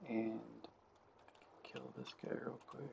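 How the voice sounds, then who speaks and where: A man's voice: mid-range voice, takes it slowly, gravelly. A man streaming a video game live, talking to chat in an offhand, rambling way. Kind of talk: live gameplay commentary. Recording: dull lo-fi mic, steady background noise.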